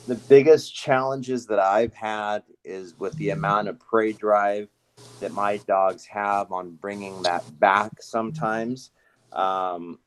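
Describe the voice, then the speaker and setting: A man, a dog trainer, telling field training stories in a relaxed, rambling way with many fillers and restarts. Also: lowish voice. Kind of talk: casual podcast storytelling.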